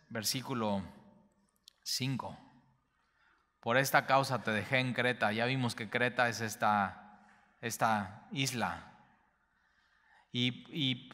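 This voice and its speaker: Bright-voiced pastor teaching with emphatic repetition. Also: male voice, medium pitch, in a large hall. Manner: repetitive, emphatic, slight stumbles. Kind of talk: Bible study teaching.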